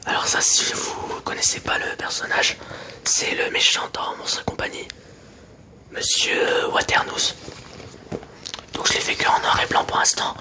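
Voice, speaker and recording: Man whispering softly in hushed ASMR style. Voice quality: soft, breathy whisper. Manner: hushed library whisper, hesitant and unhurried. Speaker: ASMR video creator. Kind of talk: whispered ASMR, casual chat.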